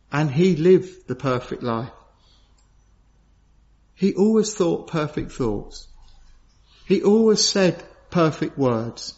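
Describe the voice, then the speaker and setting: Key phrases come back again and again as this man gives a solemn, earnest sermon, moving from loud, pressing questions to quiet, grave tones. The sound quality is dull and lo-fi.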